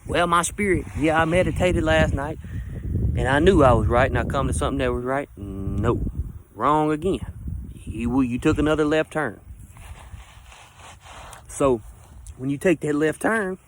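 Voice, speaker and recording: A man's voice: fairly high pitch, measured pace, long pauses, slight background noise, rough recording. A man speaking as a fervent new convert, giving a rambling, earnest and emphatic personal testimony in informal vernacular, often voicing imagined dialogue and answering his own questions. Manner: acts out imagined dialogue and asks himself questions.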